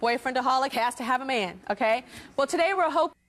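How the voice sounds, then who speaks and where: A woman's voice: high-pitched, animated, fast, a bit bright. Brassy, laughing woman talk show host in her thirties. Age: 30s. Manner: brassy, laughing, teasing address to the audience. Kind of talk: talk show hosting and interview.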